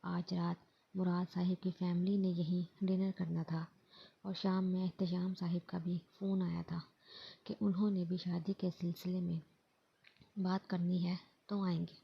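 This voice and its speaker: A woman narrating a romance novel in a steady storybook reading. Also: on the low side, unhurried, gravelly, breathy edge. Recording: dull lo-fi voice recording.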